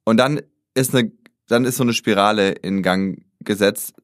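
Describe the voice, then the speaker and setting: Animated man telling a story, dry sound. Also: lowish voice, moderate pace, no room sound. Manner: animated, acts out quoted dialogue. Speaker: podcast co-host. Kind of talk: casual storytelling chat.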